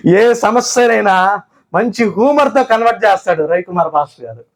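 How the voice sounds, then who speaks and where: A man preaches a sermon in a strikingly high voice for a man. He speaks loudly and with emphasis, pressing his listeners with rhetorical questions from the pulpit of a church. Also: expressive, brisk. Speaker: pastor.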